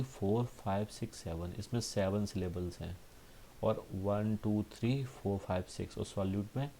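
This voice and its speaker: Calm low-voiced man teaching science. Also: a little hiss or hum. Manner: explains patiently, with frequent tag questions; reads textbook lines slowly in English. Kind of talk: classroom lesson.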